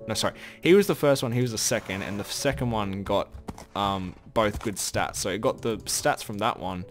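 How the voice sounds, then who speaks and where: A man's voice: on the low side, moderate pace, faint music behind. A man giving casual gameplay commentary as the host of his own let's play, rambling and often correcting himself. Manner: rambling, self-correcting, chatty.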